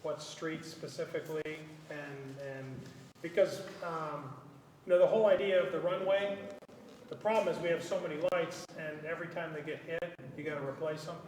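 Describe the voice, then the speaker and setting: A man with a fairly high voice talks his way through a council meeting, pausing and restarting often. He sounds distant from the mic, and the chamber rings with long echo. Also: a little mellow, slight background noise. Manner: halting, thinking aloud. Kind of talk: public meeting discussion.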